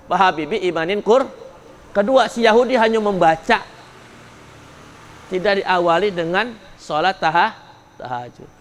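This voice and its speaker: A man preaching to a study gathering, his voice sitting high for a man. He climbs in pitch when he scolds, then drops into casual, colloquial asides to the men listening. A faint room ambience sits behind him. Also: lively intonation, measured pace, long pauses, a little hiss or hum. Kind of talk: sermon.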